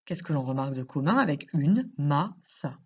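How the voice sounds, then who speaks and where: A woman teacher explaining grammar to young children in slow, careful speech, asking many questions. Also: deep voice, sing-song, slightly rough, dull audio. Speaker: primary school teacher.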